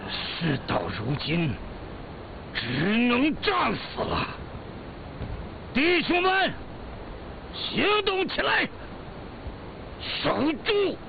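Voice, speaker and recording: A man's voice: extremely high pitch, wildly swooping pitch, extremely slow, vocal fry, long pauses, noisy background, heavily acted. A man playing a grim, resolute Qing official who gives desperate, declamatory commands in a historical war drama. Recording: muffled soundtrack with loud music, crowd.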